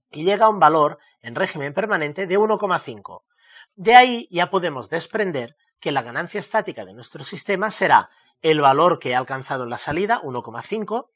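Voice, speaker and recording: Male lecturer from Spain, voice on the higher side, patient and emphatic, walking students through slides. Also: fairly bright tone. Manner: explanatory, emphatic on key words. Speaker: university lecturer. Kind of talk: recorded lecture over slides.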